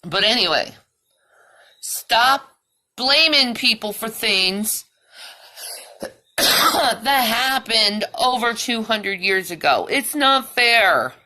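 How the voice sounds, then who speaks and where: Woman vlogger, profane heated rant, slow delivery, sharp bright tone. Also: fairly high pitch, lively intonation, slight background noise. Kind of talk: ranting monologue.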